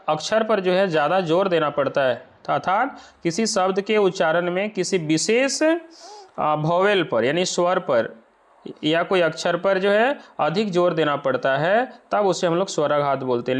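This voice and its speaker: High-voiced male teacher explaining patiently. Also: animated. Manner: explains slowly, checks understanding with rhetorical questions. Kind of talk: exam-prep lecture.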